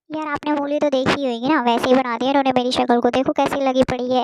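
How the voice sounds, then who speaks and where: A woman's voice: sits high, background noise. A young woman giving a sarcastic, exasperated comic voice-over about a beauty visit. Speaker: beauty vlogger.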